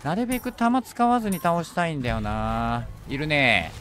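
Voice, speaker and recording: A man streaming a horror game, thinking aloud as he plays and bursting into alarmed shouts when enemies appear. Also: fairly high pitch, big pitch swings, normal speed, a little hiss or hum. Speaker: gaming streamer. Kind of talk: horror game let's play commentary.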